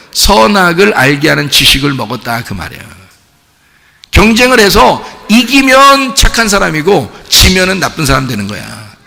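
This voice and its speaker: A middle-aged male pastor preaching with a high, lively voice that leaps and drops. His tone is bright and edged with a gravelly rasp. He keeps putting questions to the congregation, and a long church-hall reverb trails behind him. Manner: animated, asks the congregation questions and acts out cheering crowds. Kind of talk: sermon. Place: church sanctuary.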